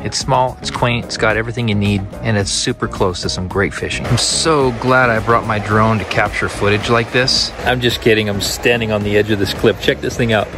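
A man's voice: fairly low pitch, fairly even intonation, a little fast, hardly any pauses. Easygoing middle-aged man vlogging outdoors. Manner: easygoing, chatty, self-deprecating. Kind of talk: casual vlog narration. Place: outdoors by a river and in a truck. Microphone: phone held at arm's length. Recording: audio a bit blown out, music under.

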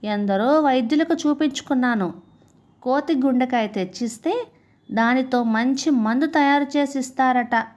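A woman's voice: high-pitched, normal speed, a little mellow, natural voice. A sulky female crocodile complains plaintively in a slightly raised voice, as a woman narrator voices her. It is a light storybook turn, close to the reader's own tone.

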